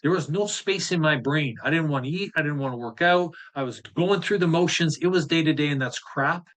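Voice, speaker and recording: A man's voice: on the high side, fairly quick, a bit bright. A man coaching a live group session, talking in a direct, blunt and fired-up way with casual swearing. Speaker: business coach.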